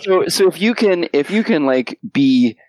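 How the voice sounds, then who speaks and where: A man talking casually in a roundtable discussion, rambling with many restarts and animated phrasing. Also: on the high side, unhurried, no room sound, rough recording. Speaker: roundtable guest. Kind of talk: casual chat.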